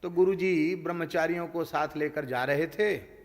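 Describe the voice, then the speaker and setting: A man's voice: fairly high pitch, moderate pace, in a large hall. A man giving a devotional discourse, telling stories and mimicking village characters in their voices. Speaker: spiritual teacher.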